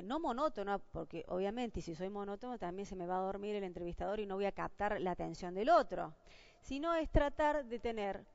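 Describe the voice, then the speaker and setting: A woman's voice: on the high side, a little mellow, dry recording. An Argentine woman giving a university lecture on job interviews, asking her audience rhetorical questions. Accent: Argentine Spanish. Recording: dull lo-fi dry sound.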